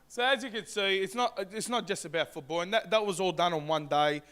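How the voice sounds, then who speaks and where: Man presenting at a summit, high voice, casual, music underneath. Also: a little fast. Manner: casual, repeats words while narrating slides. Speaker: presenter from a community sports club. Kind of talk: conference presentation.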